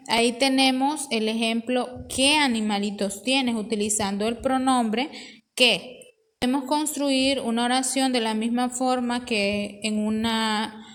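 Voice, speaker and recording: A woman teacher explaining a grammar lesson patiently, reading from the textbook and restarting phrases as she goes. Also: on the high side.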